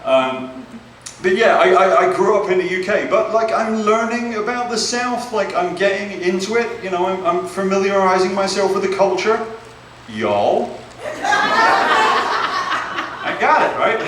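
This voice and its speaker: A man's voice: high voice, lively intonation, unhurried, long pauses, fairly bright tone, distant mic. Man, South London accent, stand-up comic, chatty and self-deprecating, echoey hall, faint background noise. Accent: South London English. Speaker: stand-up comedian. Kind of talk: stand-up set. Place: comedy club stage.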